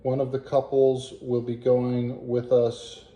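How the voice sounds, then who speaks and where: A man reads a family letter aloud at a slow, halting pace. His voice is very mellow and dark, and he pauses to work out words or add small asides. The room around him gives the recording a clear echo. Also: mid-range voice, completely flat delivery. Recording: roomy, echoing home recording.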